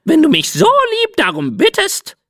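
A woman voicing a vain, theatrical female red bird messenger with a shrill, drawn-out voice in an audiobook. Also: huge pitch swings, vocal fry, dry recording, clean studio sound, full character voice. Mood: self-important. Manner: drawn-out, self-pitying. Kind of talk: audiobook character voice.

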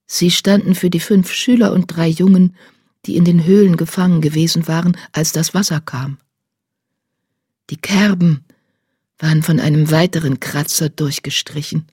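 A reader calmly narrating a children's animal novel in measured storytelling. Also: medium pitch, husky, no echo, studio quality. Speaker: audiobook narrator. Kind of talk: scripted narration.

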